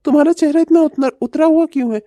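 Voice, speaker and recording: A woman's voice: high-pitched, fast, dark tone, no room sound, natural voice. A woman voicing an eager, loving young man in a cartoon, talking earnestly and pleading. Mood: worried. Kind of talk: cartoon voice acting.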